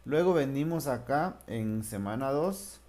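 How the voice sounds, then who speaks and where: Man teaching, slow patient syllables. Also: medium pitch, animated, dark tone. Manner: patient, explaining step by step, drawn-out syllables. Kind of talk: remote class lesson.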